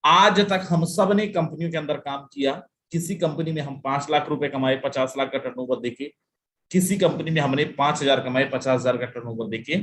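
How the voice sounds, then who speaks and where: A man hosts a live sales webinar in a medium-pitched, slightly bright voice at a moderate pace. He's emphatic and loaded with rhetorical questions, frequently dropping in English phrases and addressing listeners as "my friend."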